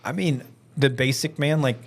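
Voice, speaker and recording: This Alabama man speaks at medium pitch and normal speed. Interviewed on a podcast about his work as a firearms instructor and event organiser, he rambles informally, leaning on fillers such as "like" and "you know."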